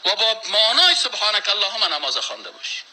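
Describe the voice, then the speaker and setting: Guy giving a sermon, bright ringing voice, slow recitations then loud emphatic bits. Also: high-pitched, sing-song, slight background noise, poor audio. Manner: recites verses slowly, then rises to emphatic exclamations. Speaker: preacher. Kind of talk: religious lecture.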